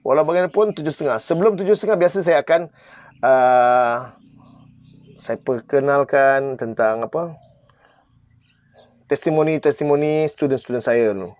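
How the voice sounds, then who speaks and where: A man's voice: on the high side, moderate pace, long pauses, a little mellow, muffled recording. A man with a Malaysian Malay accent teaching Arabic grammar in a live online class, quizzing viewers and pressing them to comment and answer.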